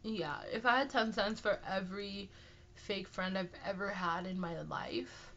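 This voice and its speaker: A young woman talks casually in a nasal, congested voice, sounding sick. She rambles in an apologetic, self-deprecating way at a medium pitch. The home recording is dull and lo-fi. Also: a little slow, a bit bright. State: sick with a stuffy nose. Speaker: podcast host and aspiring author. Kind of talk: casual solo chat answering listener questions.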